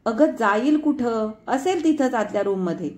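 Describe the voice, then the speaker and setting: A woman voicing a mild middle-aged husband who speaks softly to calm his wife. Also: on the high side, normal speed, close to an everyday voice. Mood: soothing. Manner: soft, conciliatory.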